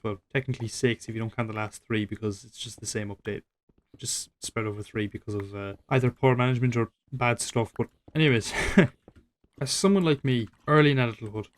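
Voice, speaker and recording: Fast-talking rambling young man. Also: mid-range voice. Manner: rambling, self-deprecating, swears casually, trails off quietly. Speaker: gaming YouTuber. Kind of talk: casual reflective commentary over gameplay.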